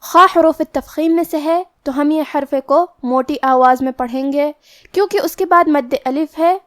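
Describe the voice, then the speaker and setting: A woman teaching a Quran pronunciation lesson, methodically explaining each letter rule step by step and reciting verses very slowly. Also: high voice.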